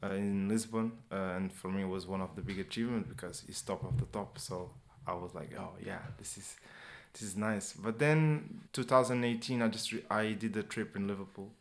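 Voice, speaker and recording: A man's voice: on the low side, moderate pace, few pauses, slight background noise. Talkative young Portuguese-accented man. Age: 20s. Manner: animated, talkative non-native English with repeated "you know". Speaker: guest, personal trainer and former sprinter. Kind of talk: casual interview talk. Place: indoors, interview in England.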